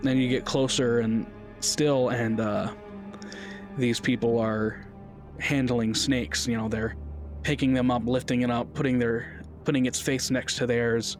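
A man narrating a tabletop game as game master in a relaxed, chatty way with many fillers. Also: mid-range voice, unhurried, faint music behind.

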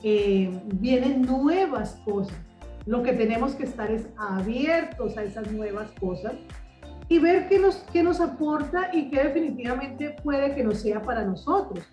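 Enthusiastic woman in her fifties, high voice. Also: animated, unhurried, warm tone, roomy sound, distant mic, faint music behind, low-quality recording. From Colombia. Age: 50s. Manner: enthusiastic, repeats words while searching for them. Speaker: guest, communicator and author. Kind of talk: radio interview conversation.

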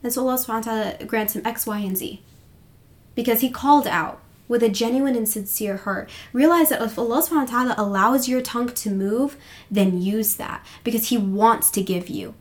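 A woman's voice: fairly high pitch, brisk. A woman co-hosting a casual faith discussion podcast, heartfelt and encouraging, repeating phrases for emphasis. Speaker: podcast co-host.

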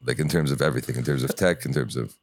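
A man's voice: a bass voice, racing, no room sound, clean studio sound. A man co-hosting a casual podcast chat, talking in an earnest, enthusiastic way. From Saudi Arabia. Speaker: podcast co-host.

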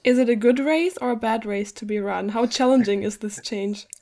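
Upbeat female podcast host, higher voice. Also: normal speed, a little mellow. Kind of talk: podcast hosting.

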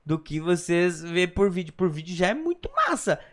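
A man's voice: high-pitched, very animated, moderate pace, a bit bright. A man hosting a podcast, effusive in casual chat and often repeating himself. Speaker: podcast host.

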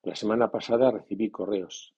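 A man teaching a grammar lesson in a measured, scripted way, reading example sentences slowly. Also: fairly low pitch, fairly even intonation, warm tone, husky. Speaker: language teacher. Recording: dull lo-fi sound.

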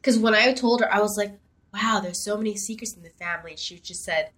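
A woman's voice: mid-range voice, fast talker, fairly bright tone. A young woman co-hosting a podcast in casual chat, rambling with many fillers and restarts. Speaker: podcast co-host.

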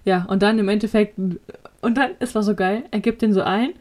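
A young woman co-hosting a casual podcast chat, telling stories in lively colloquial talk and acting out the people she quotes. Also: mid-range voice, moderate pace. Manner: animated storytelling, acting out quoted voices; colloquial, frequent "ne?" tags. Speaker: podcast co-host.

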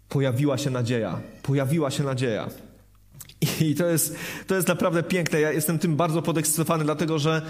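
A man's voice: fairly high pitch, darkish tone. A man preaching a sermon, earnest, repeating phrases for emphasis and putting rhetorical questions to his listeners.

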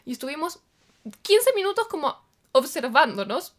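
A woman's voice: sits high, sing-song, moderate pace. A young woman with a Chilean accent in casual chat, slangy and self-mocking as she tells a story. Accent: Chilean Spanish. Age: young adult.

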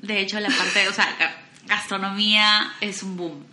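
A woman's voice: medium pitch, steady tone, unhurried, pushed and bright, roomy sound, slight background noise. A Peruvian woman hosting a podcast, chatting casually and encouraging her guest. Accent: Peruvian Spanish. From Peru. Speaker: podcast host. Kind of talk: casual interview chat.

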